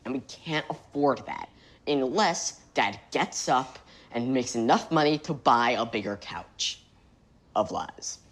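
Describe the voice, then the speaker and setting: A man's voice: mid-range voice, animated, slow, a bit bright. A young man playing a scheming, sardonic teenage son in a family sitcom, glib and dry. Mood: matter-of-fact. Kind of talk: sitcom acting.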